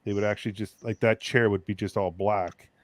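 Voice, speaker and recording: A man hosting a casual show, talking in halting bursts with many repeated words. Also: on the low side, steady tone, no room sound. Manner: halting, repeats words, greets viewers by name. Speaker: podcast host. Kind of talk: casual chat.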